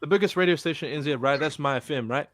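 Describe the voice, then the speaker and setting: A man's voice: fairly high pitch, very fast, no echo. A man makes his case in an easygoing chat, explaining step by step. The sound is dry and close. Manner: explaining, argumentative points. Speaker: touring musician guest. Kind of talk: casual chat.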